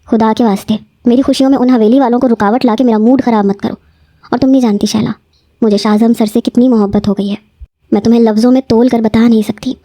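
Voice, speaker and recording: A woman voicing a frightened young female student who pleads tearfully, her voice pushed higher. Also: steady tone, warm tone, no room sound, studio quality, close to an everyday voice. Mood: indignant.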